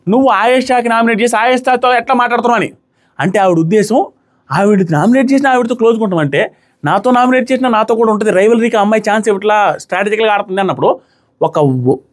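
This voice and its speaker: A man giving an opinionated review of a reality show episode, emphatic and repeating his points for stress. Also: high-pitched.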